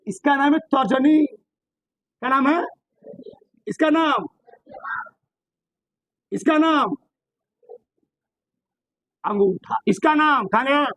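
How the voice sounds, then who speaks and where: A man's voice: extremely high pitch, pushed and bright, dry recording, poor audio. A male physics teacher, giving a classroom lecture, repeating points and quizzing his students with questions.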